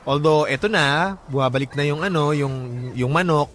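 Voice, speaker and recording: This Filipino radio host runs a love-story program, reading listener letters dramatically and then offering casual, blunt, jokey advice peppered with English, all with background music playing. His fairly high, fairly bright voice moves at a moderate pace against slight background noise.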